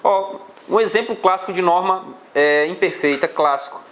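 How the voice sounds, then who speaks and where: A man's voice: high voice, normal speed, fairly bright tone, a little hiss or hum. A male law teacher with a Brazilian Portuguese accent, lecturing a class on exam questions and explaining step by step.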